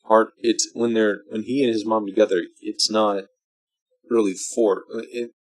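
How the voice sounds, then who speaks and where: Male vlogger, deep voice, drunk; off-the-cuff movie talk that stops, starts and wanders. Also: flat delivery. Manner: halting, meandering, trails off mid-thought. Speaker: vlogger reviewing a film. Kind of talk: casual rambling movie commentary.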